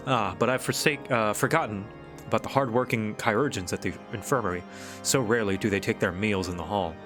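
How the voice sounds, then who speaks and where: A man's voice: lowish voice, a little fast, over music, pitched below the performer's own voice, close to an everyday voice. A man voicing courteous, weary fantasy knights and camp folk, reading game dialogue in formal, old-fashioned phrasing. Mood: earnest, formal. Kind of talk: read-aloud game dialogue.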